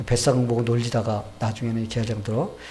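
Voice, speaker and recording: A man's voice: medium pitch, level tone, quick pace, dark tone, slight background noise. A male pastor preaching a sermon, telling a story and asking the congregation questions.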